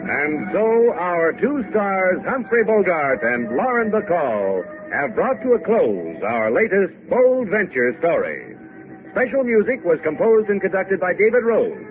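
A man's voice: high voice, unhurried. Tinny old broadcast-disc announcer, man. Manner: lively, sing-song sales delivery. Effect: old broadcast transcription disc. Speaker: radio announcer. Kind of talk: 1940s radio announcing. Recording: tinny old radio transcription with faint music.

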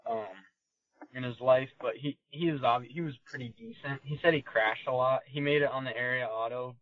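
Speaking a little fast with a steady, medium-pitched voice, this race car driver rambles casually as a podcast guest, filling his talk with fillers and laughs. The podcast audio sounds muffled and lo-fi.

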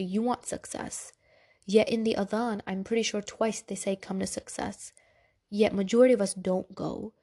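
A congested young woman with a mid-range, creaky voice and a dark tone hosts a podcast. She gives casual, direct motivational talk in a soothing way. She's chatty and calls her listeners "girl" and "y'all."

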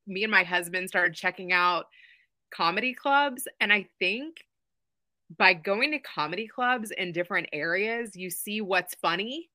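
A woman's voice: mid-range voice, unhurried, sharp tone, no room sound. A woman from Kentucky, a guest in a casual conversation, talking in a friendly, reflective way.

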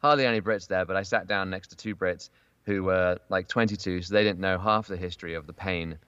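A man with an English accent and a hoarse, worn-out voice, chatting casually as a podcast guest from inside a closet. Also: low voice, fairly even intonation, fairly quick, a bit bright, no echo. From England. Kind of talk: casual chat. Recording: dull lo-fi remote recording.

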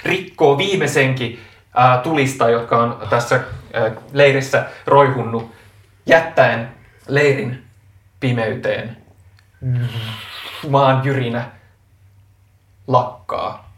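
A man's voice: medium pitch, pauses often, a bit bright. A man running a tabletop role-playing game as game master, telling the story dramatically with hesitant fillers. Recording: roomy, distant mic, faint noise.

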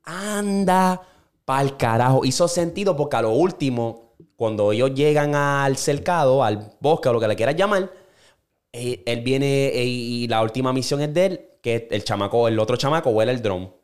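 Animated man telling stories. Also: normal speed. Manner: animated storyteller, acts out quotes with sudden high jumps, heavy slang. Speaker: podcast co-host. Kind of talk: casual podcast chat.

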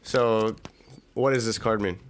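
A man's voice: lowish voice, steady tone, measured pace, clear, resonant tone. A man co-hosting a casual card-game podcast, laughing often and repeating phrases as he guesses. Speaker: podcast co-host. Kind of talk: casual chat.

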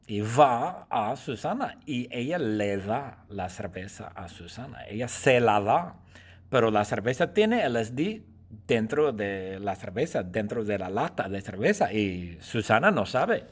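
A male teacher telling a silly story to learners, slow and repetitive, playful, with sound effects and laughs. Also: lowish voice, big pitch swings, breathy edge. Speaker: language teacher.

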